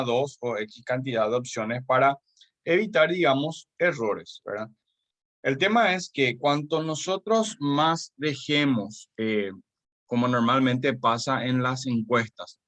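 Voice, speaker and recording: A man's voice: medium pitch, fairly bright tone, dry recording. A man teaching a live online class as course instructor, talking in a chatty way with many fillers and tag questions.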